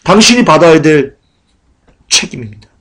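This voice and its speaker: A male pastor preaching a sermon in church, swinging dramatically between emphatic bursts and hushed lament. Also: on the high side, big pitch swings, normal speed, breathy edge.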